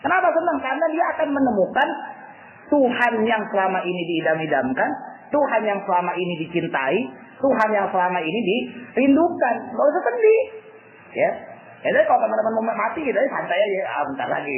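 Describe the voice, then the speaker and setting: A high-voiced man gives a relaxed religious lecture, his pitch swinging up and down as he jokes and acts out quotes. The sound is thin and phone-like, with a roomy echo and a faint hiss behind him. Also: fairly quick. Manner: colloquial and joking, acts out quotes. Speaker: religious teacher. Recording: tinny echoey lo-fi recording with faint noise.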